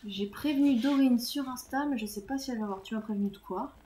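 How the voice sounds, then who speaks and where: A woman's voice: on the high side, fast, dark tone, slight background noise. A woman chatting casually with her viewers while live-streaming a game, self-mocking and laughing at her own mistakes. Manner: self-mocking, talks to chat, laughs often.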